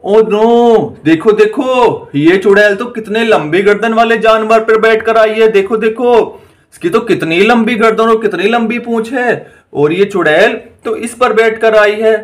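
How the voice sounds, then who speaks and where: A man's voice: high-pitched, unhurried. A man narrating a toy-doll story in an eager, exclaiming, repetitive way.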